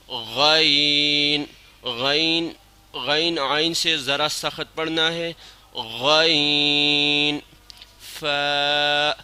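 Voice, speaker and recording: A male recitation teacher with a very bright, ringing voice and crisp, clean diction. He stays on a narrow, even pitch and works through the lesson step by step, patient throughout. He calls out each letter drawn out and loud, then drops into a softer, quieter explanation. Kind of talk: slow spoken lesson on Arabic letters.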